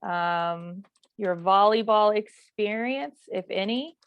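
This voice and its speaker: Woman coach, 30s, from New Mexico, chatty and informal, smooth voice on a dull, dry lo-fi call line. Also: mid-range voice, slow, no room sound. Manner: relaxed and chatty, with many fillers. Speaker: volleyball coach leading a class. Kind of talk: casual class introduction on a video call. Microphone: video call mic.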